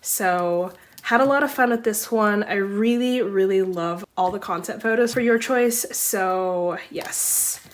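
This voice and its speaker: Sorting photocards, a young collecting vlogger rambles chattily, peppering her talk with "um" and "like." Her slightly congested voice comes from recovering from laryngitis, and it's medium in pitch, a little slow, with hardly any pauses.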